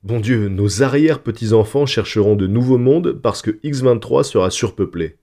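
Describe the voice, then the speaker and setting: A man's voice: on the low side, normal speed, mellow. A man voicing a cheerful, confident father in a hearty, emphatic reassuring delivery.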